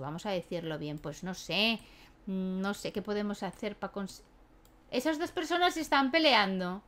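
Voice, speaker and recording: A woman's voice: a little high, a bit bright. A young woman, chatting casually as she plays a life-sim game and talks to her characters, laughing often. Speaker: gaming YouTuber. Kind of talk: casual let's-play commentary.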